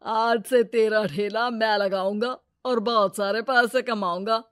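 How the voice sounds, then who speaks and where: Woman acting a scheming male moneylender, brusque, bossy, slow-paced, high voice, cartoon story. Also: steady tone, fairly bright tone, clean tone, no echo, studio quality. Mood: sly.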